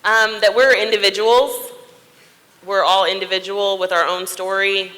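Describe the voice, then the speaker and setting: A man's voice: high-pitched, flat delivery, unhurried. A man speaking as a social worker on a panel, casual and hesitant with many fillers. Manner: warm, hesitant, filler-heavy. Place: conference hall. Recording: reverberant conference hall.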